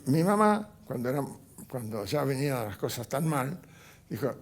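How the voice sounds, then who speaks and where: An older man telling his life story as a guest in a TV studio interview, speaking in halting recollection with restarts and fillers. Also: medium pitch, big pitch swings. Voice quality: gravelly, husky voice. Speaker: interview guest, Holocaust survivor. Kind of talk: personal testimony in a TV interview.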